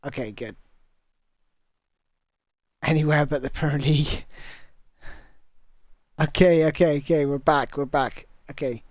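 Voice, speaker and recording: A man's voice: fairly high pitch, measured pace, long pauses, a little mellow, no room sound. A man hosting a casual game livestream, chatting and reading out viewer comments on a new microphone. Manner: chatty, reads out viewer comments, laughs easily. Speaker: livestream host. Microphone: new cheap microphone. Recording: dull, dry lo-fi mic.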